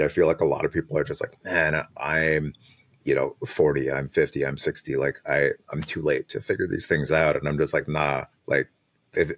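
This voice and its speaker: A man in his thirties, a design manager talking casually in an interview, reflective and laughing often, with plenty of fillers. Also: extremely low pitch. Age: 30s. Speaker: design manager and podcast guest.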